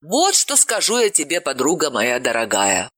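Woman playing a resilient heroine in a storybook, wry, matter-of-fact, lively tone, dry sound. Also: deep voice, moderate pace, no room sound, exaggerated voice.

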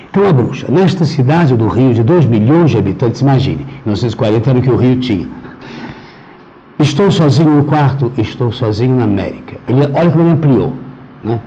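A man lecturing on literature, reading poems aloud and pausing to explain their meter, often repeating words as he thinks. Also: on the low side, warm tone. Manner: reads verse aloud, then breaks off to explain meter. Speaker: literature teacher. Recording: dull lo-fi recording with faint noise.

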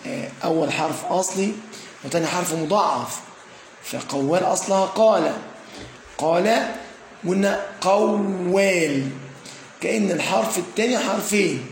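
A man teaching an Arabic grammar lesson, who checks in with "tamam?", fills pauses with "aah" and slowly stresses each word pattern as he lists examples. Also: high voice. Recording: echoey room with faint ambient noise.

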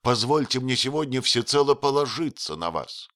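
Man as young prince, ardent, imploring, lively pitch, dry sound. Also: normal speed, no room sound, close to an everyday voice. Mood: tender. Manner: impassioned, imploring.

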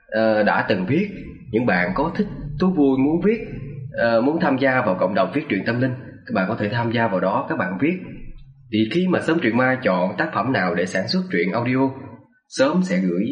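A man with a fairly low voice, thick and hoarse from a stuffy cold, speaks as a channel host giving an announcement. The recording is echoey and a little dull on top. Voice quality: husky, thick, muffled congested voice. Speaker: host and story narrator of a horror audio channel. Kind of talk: channel announcement and scripted story narration.

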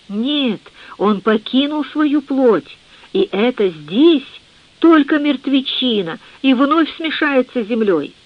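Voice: high voice, no echo. A narrator voicing a grieving young man with anguished questions, in an audiobook reading on a dull lo-fi recording.

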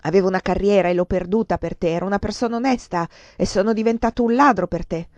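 A woman reading aloud, voicing a ruined, desperate man who shouts bitter accusations. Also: mid-range voice, animated, normal speed, no echo, lightly acted. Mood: raging. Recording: dull lo-fi dry recording.

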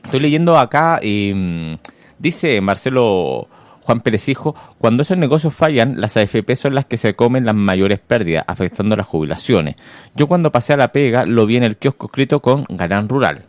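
On a Chilean morning radio show, the male host chats wryly about politics and reads listeners' messages in a casual style. His mid-range voice has a sing-song quality at a moderate pace, with no echo.

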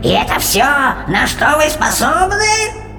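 Man voicing a gravelly, shrieking witch queen. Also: very animated, bright, forceful tone, faint music behind, exaggerated voice. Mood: shrill ranting. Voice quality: shrill, snarling. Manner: slow, menacing and gravelly. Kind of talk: audiobook character voice.

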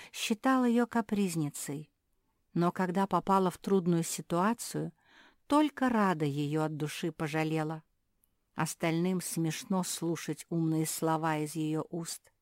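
A woman narrating a children's audiobook chapter in a measured storytelling manner. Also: lowish voice, darkish tone, dry recording, clean studio sound.

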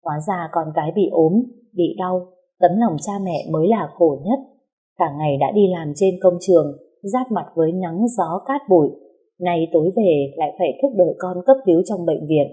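A woman giving a calm, even first-person narration of a novel as an audiobook reader. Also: fairly low pitch, slightly rough.

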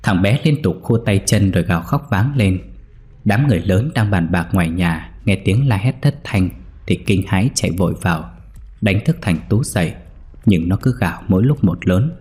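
Man, deep voice, dark mellow tone, grave horror story narration. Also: animated, moderate pace.

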